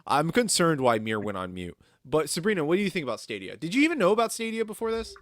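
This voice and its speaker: A man moderating a casual gaming podcast, joking in a playful deadpan. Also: fairly high pitch, quick pace, no room sound, studio quality. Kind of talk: casual chat.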